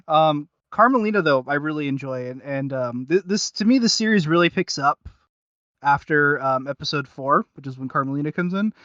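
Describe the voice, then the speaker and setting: A man co-hosts a casual podcast reviewing audio series, rambling and hesitating as he hunts for words. His voice is a little high and a bit bright, expressive, at a moderate pace. The recording is dry and lo-fi.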